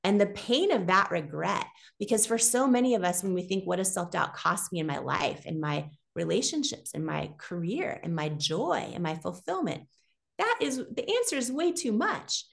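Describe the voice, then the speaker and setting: Woman in her forties, podcast guest, mid-pitched voice, animated and emotional in her storytelling. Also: moderate pace, creaky. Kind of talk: storytelling in an interview.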